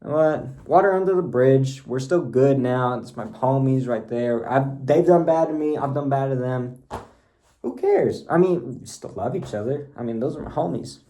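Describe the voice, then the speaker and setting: A man's voice: medium pitch, normal speed, warm tone. A young man talking to his camera at home in a loose, rambling, slangy way, swearing casually as he tells his story. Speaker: vlogger. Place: at home, bathroom nearby.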